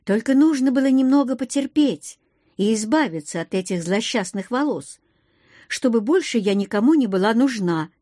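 A woman narrating a first-person audiobook with expressive, lively inner monologue. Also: on the high side, normal speed, no room sound, clean studio sound. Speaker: audiobook reader.

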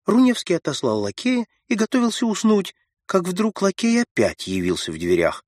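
A man narrating classic prose for an audiobook in a measured, steady storytelling manner on a close mic. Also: high-pitched, dry recording.

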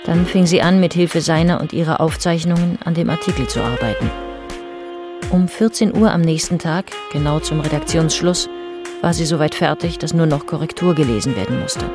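A woman with a low voice narrates a radio crime drama at a moderate pace, reading literary prose in a composed, sober and restrained way over a music bed.

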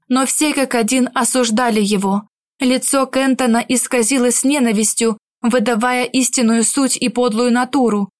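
A woman reading a first-person fantasy romance audiobook in an expressive, emotional way. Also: on the high side, no room sound, clean studio sound. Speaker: audiobook narrator. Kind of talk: first-person scripted narration.

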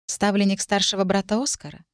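A woman narrates a first-person story with a wry, expressive delivery. Her voice sits close on the mic with a dry, dead sound and no room around it. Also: medium pitch, fairly quick, dry recording. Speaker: audiobook narrator.

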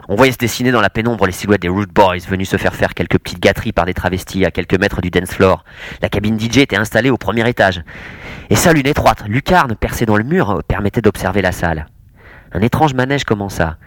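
A man with a French accent reading a first-person memoir aloud in a measured, expressive way, close to the mic. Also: lowish voice, no room sound. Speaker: audiobook reader. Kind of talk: narrated book reading.

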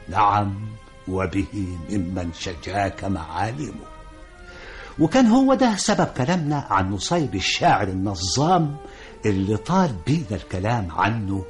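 Lively low-voiced Egyptian Arabic storyteller. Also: male voice. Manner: theatrical, rhyming cadence. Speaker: narrator. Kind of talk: Arabic storyteller narration in rhymed colloquial prose.

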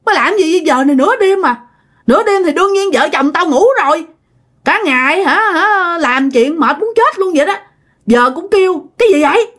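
A man's voice: very high voice, animated, a little fast, pushed and bright, voice pushed up, exaggerated voice. A woman voicing an irritated husband woken at midnight, scolding. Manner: scolding, exasperated.

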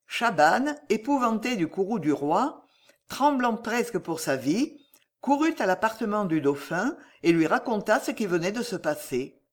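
An audiobook narrator giving an expressive, dramatic reading of a historical tale. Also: medium pitch, unhurried.

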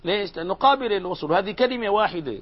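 A grammar teacher, his fairly high voice swinging up and down as he explains. He keeps asking his students questions in a lively classroom manner. The recording sounds dull and lo-fi. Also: very fast, breathy edge.

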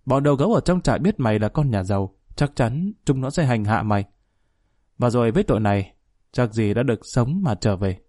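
A frightened young man on the run who talks in quick, nervous bursts, read by a man narrating a story. The voice is mellow, and the recording is dry and close. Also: mid-range voice, lively intonation, no echo, close to an everyday voice. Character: young man, scared drug-addicted son on the run.

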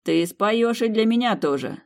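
A man's voice: sits high, lively intonation, a little slow, creaky, pitched above the performer's own voice, exaggerated voice. A narrator voicing a young man, a hurt fiancé who teases with bitter irony but forgives. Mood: teasing, ironic. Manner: mocking, wryly ironic.

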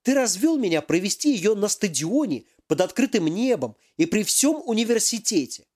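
A man's voice: sits high, big pitch swings, moderate pace, a little mellow, voice pushed up. A man voicing an irritated middle-aged male professor who talks bluntly and scolds. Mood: scolding.

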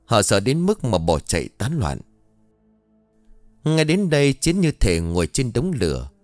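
A man narrating an audiobook in an expressive storytelling way. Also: medium pitch, measured pace, no echo. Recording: faint background music, dry studio.

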